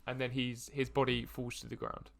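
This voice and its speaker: Gravelly young man running a tabletop game. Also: mid-range voice, monotone, normal speed, a bit bright. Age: young adult. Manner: hesitant, many fillers and restarts, laughs often. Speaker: game master.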